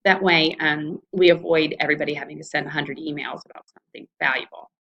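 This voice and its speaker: A deep, gravelly woman's voice moves quickly with fairly even intonation. Her tone is a bit bright, though the highs are cut off. She's a college instructor with an Ohio Valley American accent, explaining an online course to students in an informal screencast walkthrough.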